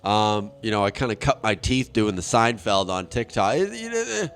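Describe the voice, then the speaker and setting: A man's voice: on the low side, expressive, moderate pace, a bit bright, faint music behind. A man hosting a comedy podcast from home, riffing in a rambling, profane monologue. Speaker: podcast host.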